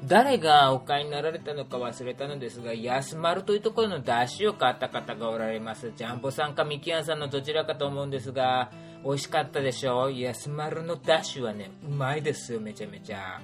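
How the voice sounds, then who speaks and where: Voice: mid-range voice, a little fast, faint music behind. A playful storyteller recapping a group trip, full of puns and little sound effects. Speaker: tour organizer recounting a trip. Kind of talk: casual spoken trip recap.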